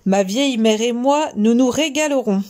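A woman's voice: fairly high pitch, moderate pace, a little mellow, close to an everyday voice. A woman voicing a sly, gloating male fox in a children's story.

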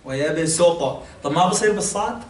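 Sheikh with a lilt teaching. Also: male voice, a little high, a little fast. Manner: explanatory, quizzes listeners, hesitant fillers. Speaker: sheikh teaching Quran exegesis. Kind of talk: classroom religious lesson. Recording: echoey room, mic at a distance, faint ambience.

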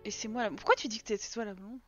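A woman streamer giving casual let's-play commentary, chatty and quick to scold her game characters. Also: mid-range voice, steady tone, lo-fi sound, soft background music.

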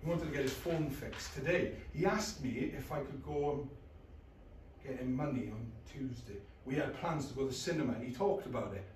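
In a small, bare rehearsal room, a man in his thirties gives a rehearsed reading of an intense, brooding dramatic monologue in short, clipped phrases. His mid-range voice is a little mellow and moves at a moderate pace. A camera across the room picks him up from a distance, so the sound is echoey with faint noise.

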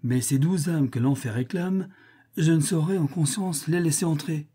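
A man doing a gentle, compassionate lord. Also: fairly high pitch, normal speed, breathy edge, pitched above the performer's own voice. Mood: solemn.

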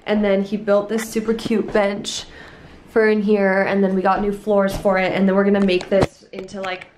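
A woman's voice: mid-range voice, monotone, moderate pace, a little mellow, slight background noise. A woman in her twenties chatting casually to a handheld camera at arm's length, upbeat and full of "like". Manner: chatty, upbeat, filler-heavy "like". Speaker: vlogger. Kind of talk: casual vlog chat. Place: small wooden cabin indoors, then forest trail outdoors.

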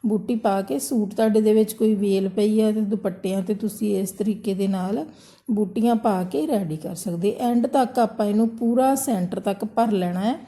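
A woman calmly walks viewers through a hand embroidery lesson. Her voice is very dark and mellow at a middle pitch, and she keeps repeating the steps in a gentle instructional tone. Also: moderate pace. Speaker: embroidery teacher. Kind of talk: step-by-step craft tutorial narration.

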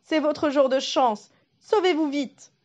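A woman's voice: high voice, slow, darkish tone, lo-fi sound, voice pushed up. A woman voicing a hungry but sentimental male wolf who muses and grumbles to himself. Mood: musing.

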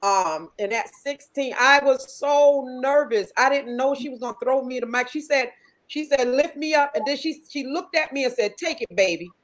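Animated woman storyteller on video call. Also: sits high, moderate pace, low-quality recording. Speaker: guest gospel singer.

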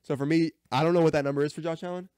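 A man's voice: a little high, fairly even intonation, rapid-fire, darkish tone, clean tone, no room sound, studio quality. A man co-hosting a podcast, talking sports in a rambling way, often restarting and repeating words. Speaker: podcast co-host. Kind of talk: casual sports chat.

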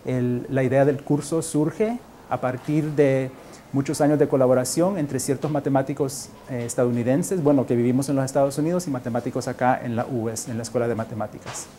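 A man in his fifties speaks in a measured, explanatory way, like a professor walking through a subject. His voice is mellow and dark rather than bright. A faint hiss of noise sits under the recording. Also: mid-range voice. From El Salvador. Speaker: mathematics professor. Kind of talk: interview. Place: university classroom.

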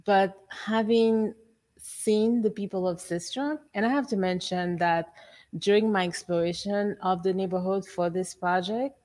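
A middle-aged woman from Haiti, an exhibition curator, speaking in a measured, reflective way on a panel in a gallery. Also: on the low side, a little mellow. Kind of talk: panel discussion. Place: art gallery room, indoors.

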